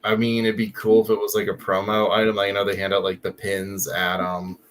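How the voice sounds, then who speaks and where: Male podcast co-host, lower register, easygoing chatter, faint background hiss. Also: completely flat delivery, brisk, a bit bright. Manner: chatty, lots of "like" fillers. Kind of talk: casual fan podcast chat.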